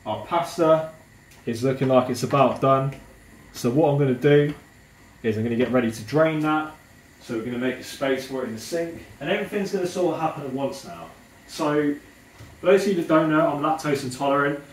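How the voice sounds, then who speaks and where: A man gives a casual, chatty cooking tutorial, saying w in place of r. His voice sits at an average male pitch. It is picked up from a distance in a roomy kitchen, with faint noise behind it. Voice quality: speech impediment, says w for r. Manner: chatty, informal, addresses viewers directly. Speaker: home cook presenting a recipe video. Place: indoors in a kitchen.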